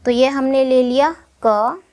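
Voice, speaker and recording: A woman's voice: sits high, steady tone, darkish tone. A young woman teaching a shorthand lesson step by step, patiently asking questions and answering them herself. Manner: slow, patient, checks in with "ठीक है" often.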